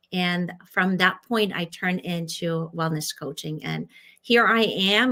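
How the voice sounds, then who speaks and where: A woman in her forties with a Ukrainian accent, a wellness coach telling her story as a podcast guest in earnest, slightly halting English. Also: lowish voice, fairly bright tone. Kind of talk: casual interview talk.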